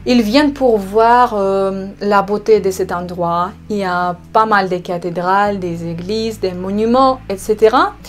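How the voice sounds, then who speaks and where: A woman from Russia with a Russian accent, a language teacher explaining words slowly with hesitations and repeated examples. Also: mid-range voice. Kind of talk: online language lesson.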